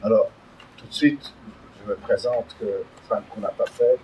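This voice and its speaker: A man's voice: fairly low pitch, steady tone, unhurried, a little mellow, a little hiss or hum. An older man from Hungary giving a public talk at an evening debate around a table, hesitant and full of fillers and restarts. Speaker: invited speaker. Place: meeting room around a table, above a restaurant. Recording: distant mic in a meeting room.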